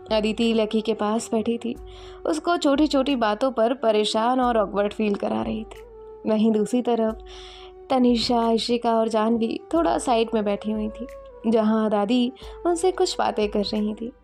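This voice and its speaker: Woman storyteller, somewhat high voice, faint music underneath, reads all roles herself. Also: warm tone. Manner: voices all characters in the same lightly acted tone. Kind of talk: scripted story narration.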